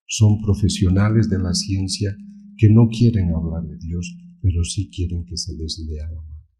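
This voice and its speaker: A man's voice: sits low, mellow, breathy edge. A man giving an earnest, preacherly symposium talk on faith and science, full of rhetorical questions. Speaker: symposium speaker. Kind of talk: public lecture on faith and science. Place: conference hall.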